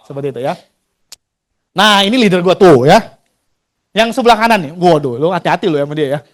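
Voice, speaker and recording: Quick and animated, with a voice that sits high, this fortysomething man gives a casual, slang-filled motivational talk about his career. He laughs a lot and performs the conversations he describes.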